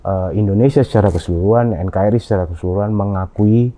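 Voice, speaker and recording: A man answering interview questions in a halting way, with frequent fillers and restarts. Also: lowish voice, dark tone. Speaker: interview guest. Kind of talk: conversational interview. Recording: dull lo-fi audio.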